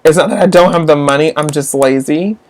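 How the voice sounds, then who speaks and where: A man's voice: a little high, fairly quick. A young man hosting a casual live stream, chatting with viewers while getting frustrated with his tablet and phone. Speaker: livestream host.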